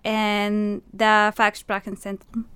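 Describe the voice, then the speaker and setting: Costa Rican woman with a clear voice. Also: mid-range voice, completely flat delivery, takes it slowly, a bit bright. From Costa Rica. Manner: earnest, explains step by step, non-native English phrasing. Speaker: university staff, event organizer. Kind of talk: radio interview guest. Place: radio studio.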